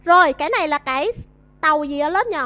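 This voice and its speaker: A woman's voice: sits high, expressive, fast. A woman with a Vietnamese accent teaching an English vocabulary lesson to a class, coaxing answers and drilling pronunciation. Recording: dull lo-fi audio.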